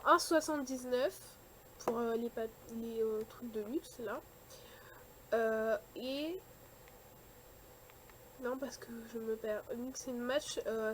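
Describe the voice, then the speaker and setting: A young woman chatting casually through a shopping haul, full of fillers and quick likes and dislikes. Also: on the high side, a little hiss or hum. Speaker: vlogger showing a shopping haul. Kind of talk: casual chat.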